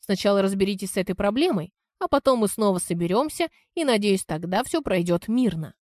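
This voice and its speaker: A woman's voice: medium pitch, lively intonation, brisk, darkish tone, no room sound, clean studio sound, lightly acted. A woman reading an audiobook, voicing a hesitant, formal male lawyer. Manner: formal, officious.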